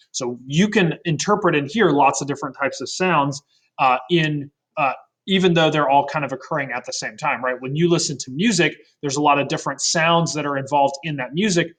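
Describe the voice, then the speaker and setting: A man's voice: fairly high pitch, a bit bright. A man teaching a recorded science lesson in a casual way, often adding "right?" and correcting himself mid-sentence. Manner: fillers and self-corrections.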